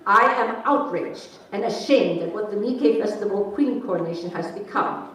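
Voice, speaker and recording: A proud and fussy mother, played by a woman in a stage reading, speaking in a pointed, emphatic way at a middling pitch. She sounds far from the mic in a very echoey hall. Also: lightly acted. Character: proud, indignant, fussy Japanese American mother. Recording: echoey hall, distant mic, faint noise.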